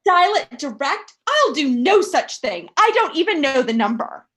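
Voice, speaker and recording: Shrill, fretful invalid woman. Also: big pitch swings, moderate pace, fairly bright tone. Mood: indignant, haughty. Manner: fretful, indignant, melodramatic. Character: nervous, demanding bedridden invalid woman, imperious and panicky. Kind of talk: radio play acting.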